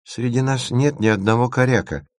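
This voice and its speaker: A man's voice: medium pitch, moderate pace, no room sound, pitched above the performer's own voice, close to an everyday voice. A man reading an audiobook voices a thoughtful young girl who leads her team. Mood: earnest. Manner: earnest, thoughtful.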